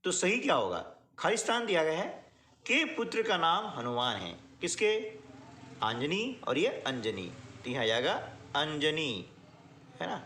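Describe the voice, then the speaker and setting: A man's voice: echoey room, a little hiss or hum. A man teaching a workbook lesson, explaining step by step and often checking in with short questions to the listener. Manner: lively, rising and falling pitch.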